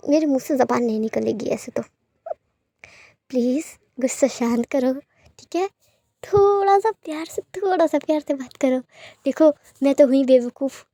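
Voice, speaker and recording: Woman voicing a playful young guy begging his lover to calm down, storybook, high voice. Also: no echo, studio quality. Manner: coaxing, pleading, teasing.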